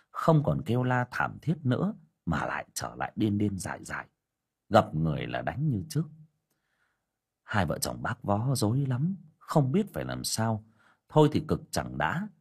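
A man reads an audiobook folk tale with a husky, slightly low voice. His pitch swings widely as he leans into the telling, colloquial and vivid. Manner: storytelling with lively emphasis, colloquial. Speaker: narrator. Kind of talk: audiobook story narration.

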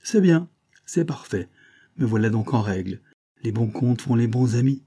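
A man's voice: mid-range voice, animated, moderate pace, dark tone. A man voicing a sly, smug fairground showman who patronizes and blackmails his accomplice. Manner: smooth, mocking, patronizing.

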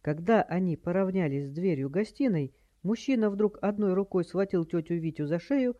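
A narrator reading a story aloud in steady audiobook style. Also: medium pitch, normal speed, no room sound, dull audio.

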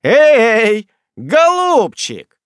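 A brash young manservant with a quick, mocking tongue, as a man reading aloud puts him on, bellowing threats in a high, lively voice that swings all over. Dry, close storybook recording. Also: no echo. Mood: angry shouting. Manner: loud, mocking, threatening shouts.

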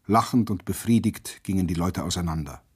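A man with a husky, low-pitched voice reads a first-person account. His delivery is grave and intense, and it climbs at the quoted cries. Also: brisk, darkish tone. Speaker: narrator.

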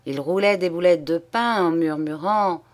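A woman narrating a classic short story in a measured, deliberate literary reading. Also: lowish voice. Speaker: audiobook narrator.

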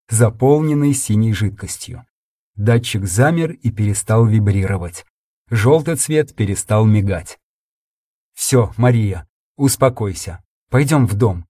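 A man's voice: medium pitch, warm tone, dry recording, studio quality. A man reading a first-person sci-fi audiobook in an intense, dramatic storytelling manner. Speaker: audiobook narrator.

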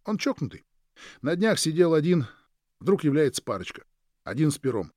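A man voicing a worldly man who tells stories in a lively, animated way in a storybook reading. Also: a little high, moderate pace, no echo, studio quality, pitched above the performer's own voice.

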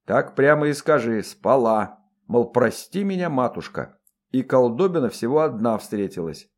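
A man's voice: medium pitch, sing-song, moderate pace. A man voicing a tall, coarse young noblewoman who scolds and orders her servant around. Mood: scolding. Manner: gruff, scolding, commanding.

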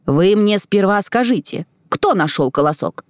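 A woman's voice: medium pitch, lively intonation, unhurried, no echo, clean studio sound, close to an everyday voice. A woman voicing a hardworking little rooster in a children's storybook reading. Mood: calling.

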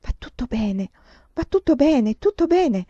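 A woman's voice: high-pitched, sing-song, measured pace, mellow, dry recording, dull audio, pitched above the performer's own voice, full character voice. Woman reading as an anxious, pleading young wife. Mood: soothing. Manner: pleading, urgent.

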